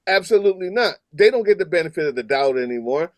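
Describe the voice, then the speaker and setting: Man, podcast host, slightly high voice, rambling, dry close sound. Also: animated, quick pace, no room sound. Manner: rambling, with restarts and fillers. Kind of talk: casual podcast chat.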